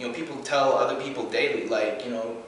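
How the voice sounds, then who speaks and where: A man's voice: medium pitch, quick pace, a little hiss or hum. A young man from New Zealand with a mostly American accent and a trace of his home accent, talking earnestly in a casual interview, restarting his sentences often. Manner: restless and earnest, many restarts and fillers. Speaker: actor being interviewed. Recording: echoey room from far off.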